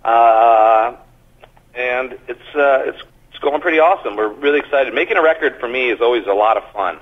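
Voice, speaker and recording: A band member on a phone interview speaks at medium pitch and normal speed through a muffled, tinny speakerphone. He keeps the chat casual and joking, rambling loosely and crudely with laughter.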